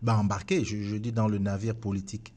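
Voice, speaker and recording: Un homme qui anime une entrevue politique et pose ses questions en cherchant ses mots. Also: male voice, fairly low pitch, level tone, fairly quick, mellow. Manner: searching phrasing with fillers. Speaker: interview host. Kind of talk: interview questions.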